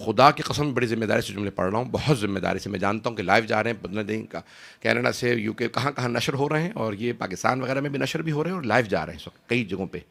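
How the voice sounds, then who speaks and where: A man's voice: lowish voice, lively intonation, gravelly, a bit bright. A man preaching an impassioned mourning sermon, dramatic and emotional, swearing oaths and rising to cries.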